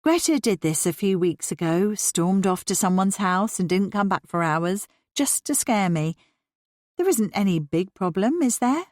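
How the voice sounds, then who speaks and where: A woman's voice: mid-range voice, expressive, measured pace, darkish tone, no room sound, studio quality, natural voice. A woman reading the part of another teenager's mother who chats in a soothing, reassuring way. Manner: soothing, chatty. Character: reassuring mother of a teen girl, chatty.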